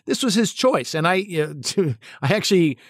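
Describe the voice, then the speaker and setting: A man's voice: high-pitched, very animated, moderate pace, no room sound, studio quality. A male actor and comedian answering interview questions thoughtfully, often restarting and repeating words.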